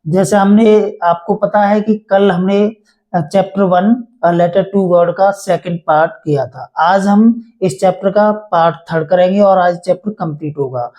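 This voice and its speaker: A man's voice: high voice, a little slow, a little mellow, low-quality recording. A male teacher giving a class lecture, asking and answering his own questions and repeating key words to drill them in.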